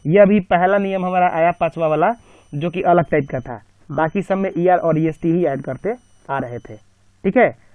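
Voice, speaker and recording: A man's voice: a little high, normal speed, no echo, narrow, tinny audio. A man teaching an English grammar lesson step by step, asking and answering his own questions. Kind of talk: screen-recorded grammar lesson.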